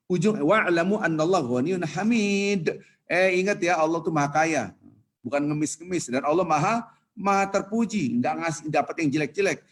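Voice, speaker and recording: A man preaching in a mosque in a lively, colloquial way, reciting Arabic scripture and acting out the people in his examples. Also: high-pitched. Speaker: Islamic preacher. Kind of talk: casual preaching.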